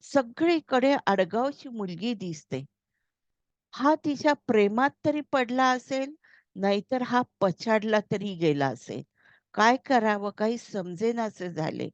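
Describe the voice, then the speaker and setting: A woman's voice: on the high side, animated, slow pace, no echo. A woman reading as a worried middle-aged father. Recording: slightly dull, dry recording.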